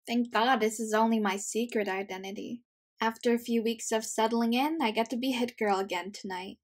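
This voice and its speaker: A woman's voice: on the high side, fairly even intonation, normal speed, close to an everyday voice. A woman playing a brash, tough schoolgirl vigilante in a comic dub, matter-of-fact and foul-mouthed. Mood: matter-of-fact, proud. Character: brash, tough schoolgirl vigilante, fiercely devoted to late father. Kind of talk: comic dub narration and dialogue. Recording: music behind the voice.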